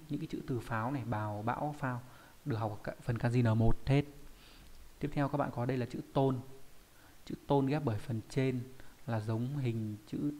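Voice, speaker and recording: A man's voice: medium pitch, warm tone, slight background noise. A man with a Vietnamese accent teaching a Japanese kanji lesson online, explaining each character step by step and often checking in with his students.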